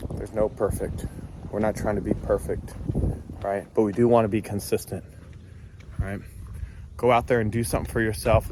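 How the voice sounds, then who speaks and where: A man's voice: lowish voice, darkish tone. Man giving casual fitness advice outdoors. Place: outdoors after a run. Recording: faint outdoor ambience and vehicle noise.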